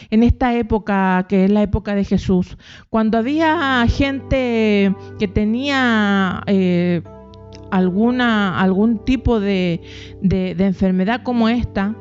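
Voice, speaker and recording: Woman pastor, devotional sermon. High-pitched, halting delivery with repeated words, rising to cries on pleas. Dull lo-fi recording, soft music bed. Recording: dull lo-fi audio, faint music.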